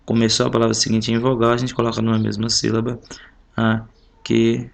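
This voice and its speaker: Going over a literature test one step at a time, a Brazilian Portuguese-accented male teacher counts syllables aloud in a home-recorded lesson. His gravelly voice is medium-pitched, fairly quick, and completely flat in delivery.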